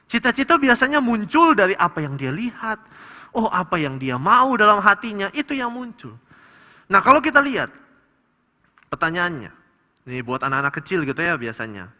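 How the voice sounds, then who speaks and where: Man, Manado accent, sermon, lively rising and falling pitch, long church reverb. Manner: animated, acts out parent and child dialogues. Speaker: pastor. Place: large church hall.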